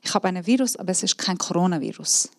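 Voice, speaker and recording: A woman preaching a sermon and reading scripture aloud, speaking earnestly with restarts and clumsy grammar, coughing and clearing her throat at times. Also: on the low side, fast talker, no room sound, studio quality.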